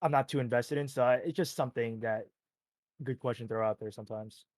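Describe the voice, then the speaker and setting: A man's voice: medium pitch, fairly even intonation, fast talker, darkish tone, no echo. A man on a voice call, chatting casually in a laid-back, easygoing way. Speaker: caller.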